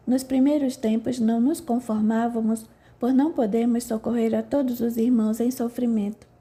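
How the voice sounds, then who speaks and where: A woman's voice: on the high side, mellow, natural voice. A woman voicing a composed, earnest male spirit helper who reassures his companions in an audiobook. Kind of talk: audiobook narration.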